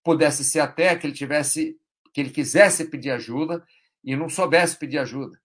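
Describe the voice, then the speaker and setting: A man's voice: a little high, fairly quick, a bit bright. A man hosting a live stream, explaining ideas casually in a rambling way, with frequent tag questions.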